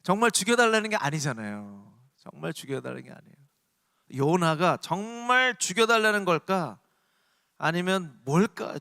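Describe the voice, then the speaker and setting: A male pastor preaching a sermon in a church, animated and throwing rhetorical questions at the congregation. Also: high-pitched, moderate pace, creaky, no echo, clean studio sound, in a large hall. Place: church sanctuary.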